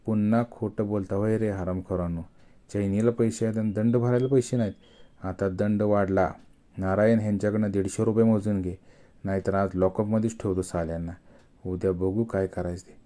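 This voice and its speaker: A man voicing a harsh, bullying male police officer who barks orders in a gruff tone. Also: on the low side, steady tone, normal speed, mellow, lightly acted.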